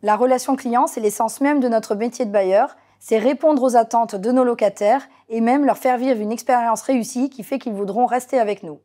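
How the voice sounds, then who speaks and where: Composed woman, mellow voice. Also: a little high, normal speed, hardly any pauses. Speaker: agency director. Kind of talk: corporate video interview.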